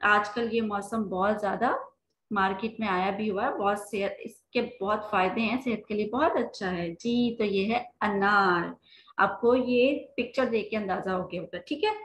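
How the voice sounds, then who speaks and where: A woman with a Pakistani Urdu accent teaching children the alphabet, drawing out words slowly and asking them questions. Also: mid-range voice, a bit bright, roomy sound, low-quality recording. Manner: slow, drawn-out sounding of words; asks rhetorical questions to children.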